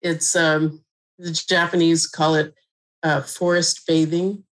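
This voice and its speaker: A middle-aged woman from Colorado talks as a guest on a podcast. Her voice is low, and her manner is chatty and relaxed, full of fillers and frequent laughter. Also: slow, low-quality recording. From Colorado, USA. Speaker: guest mushroom expert. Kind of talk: casual interview conversation.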